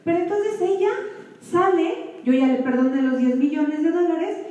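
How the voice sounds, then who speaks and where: A woman's voice: very high-pitched, moderate pace, dark tone. A woman teaching a Bible lesson to a women's group, often stopping to check that her listeners follow. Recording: echoey room, mic far off.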